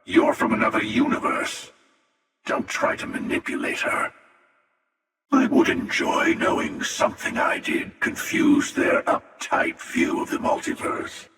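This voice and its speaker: A man playing a cynical, smug, menacing otherworldly hunter in a video game, with a breathy, gravelly, processed voice and an unhurried, taunting manner. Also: fairly bright tone. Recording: echoey, long reverb, distant.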